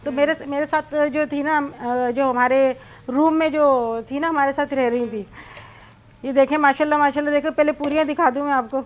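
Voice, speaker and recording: High-voiced chatty woman telling a story. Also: fairly even intonation, moderate pace. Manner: rambling, many "है ना" fillers. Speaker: cooking channel host. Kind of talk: chatty storytelling while cooking.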